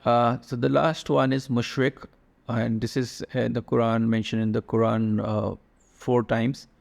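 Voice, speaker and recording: A man's voice: mid-range voice, level tone, unhurried, creaky, a little mellow. A man teaching a slide-based lesson, explaining step by step with lots of fillers and restarts. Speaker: language teacher.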